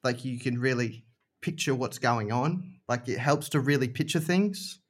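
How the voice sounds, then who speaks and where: A man's voice: medium pitch, moderate pace, breathy edge. A man chatting casually as a podcast guest, explaining things informally and repeating short phrases for emphasis. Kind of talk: casual chat.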